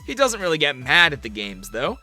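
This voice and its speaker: Man, scripted narration, upbeat countdown, lively pitch, faint music underneath. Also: fairly quick. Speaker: compilation narrator.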